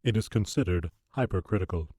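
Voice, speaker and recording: A man as low-voiced officious ship computer. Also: a little fast, warm tone, no room sound, clean studio sound. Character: officious, secretive male ship computer with clipped formality. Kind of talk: science fiction audio drama.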